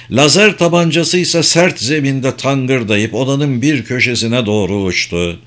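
A man reading a novel aloud as narrator in a measured, even manner. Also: mid-range voice. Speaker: audiobook narrator. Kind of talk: scripted narration.

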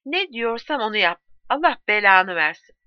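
A woman's voice: mid-range voice, very animated, normal speed, no room sound, lightly acted. A drunk, self-pitying man whines and wails his troubles, as a woman reads him out. His voice is tearful and slurred. The audiobook recording is dry and a little muffled. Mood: wailing.

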